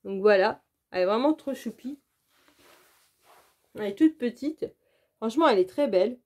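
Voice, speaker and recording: A woman with a slightly high voice talks casually through a crafting unboxing. She leans on fillers like "donc, euh" and "franchement" and speaks straight to her viewers. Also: expressive, normal speed, darkish tone. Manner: chatty, repeats "donc, euh" and "franchement", addresses viewers directly. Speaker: crafting channel host.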